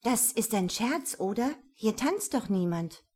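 A woman doing a wry, sharp-tongued female detective. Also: on the high side, sing-song, a little slow, breathy edge, full character voice.

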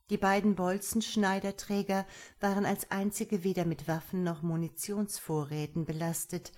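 A woman hosting a podcast and reading a crime story in a lively, dramatic way. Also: fairly low pitch. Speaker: podcast host and reader.

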